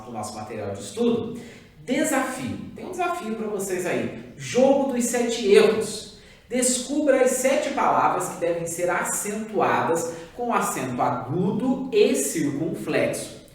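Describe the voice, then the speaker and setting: A Brazilian man teaching a recorded lesson to young pupils, his pitch rising and falling in lively swings. He explains patiently and checks in often. His voice is heard from a distance in a strongly echoing room. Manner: patient, repetitive explaining with frequent check-ins. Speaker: primary school teacher. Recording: very echoey room, voice far from the mic.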